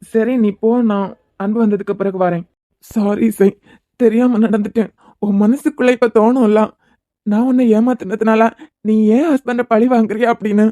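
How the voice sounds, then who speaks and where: A woman's voice: a little high, steady tone, normal speed, dark tone, no room sound, studio quality, close to an everyday voice. A woman voicing a worried, self-blaming young engineer in a cartoon series, with a Kanyakumari Tamil accent. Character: guilt-ridden worried young man, engineer.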